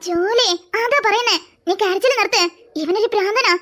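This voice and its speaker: Woman voicing a high, bright college girl in a cartoon, scolding and reassuring by turns. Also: normal speed, faint music behind. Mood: scolding gently. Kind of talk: Malayalam cartoon voice acting.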